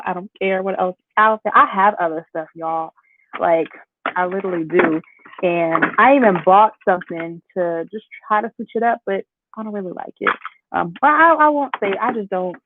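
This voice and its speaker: A woman's voice: on the low side, no room sound. Chatty woman on tinny livestream audio. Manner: chatty and upbeat, talks to viewers as family. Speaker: beauty livestream host. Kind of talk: casual makeup livestream chat. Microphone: AirPods.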